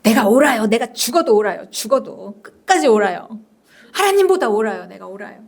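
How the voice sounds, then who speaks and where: A woman's voice: high voice, sing-song, normal speed. A woman pastor voicing a stubborn, despairing man who insists he is right, in a defiant, insistent way.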